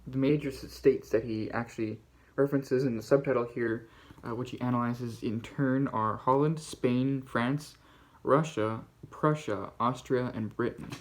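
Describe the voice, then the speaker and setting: A man with a Canadian accent hosting a casual book-haul vlog, talking in a halting, rambling way as he goes. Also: medium pitch, fairly even intonation. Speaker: book channel host.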